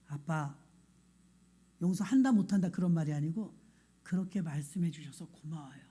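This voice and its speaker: Woman voicing a quiet grown son. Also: low voice, normal speed, husky, pitched below the performer's own voice. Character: grown son, quietly forgiving his father.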